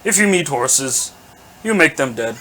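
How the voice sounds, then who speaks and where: A man voicing a boastful male goblin chieftain who booms his orders in broken, grandiose grammar. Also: animated, measured pace, pushed and bright. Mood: commanding. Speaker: game master voicing a character.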